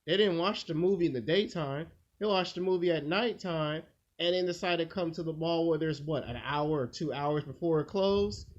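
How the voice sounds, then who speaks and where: Man, casual monologue, blunt crude storytelling, higher pitch, dull lo-fi recording. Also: moderate pace. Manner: loose rambling delivery with acted-out quotes. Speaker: video host. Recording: dull lo-fi sound with faint noise.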